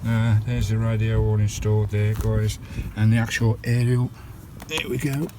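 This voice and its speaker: He talks at normal speed in a fairly low voice that barely moves in pitch, with background noise around him. An English vlogger installing a radio in his parked campervan, he addresses viewers matily in a chatty, colloquial style, captured on a handheld camera mic.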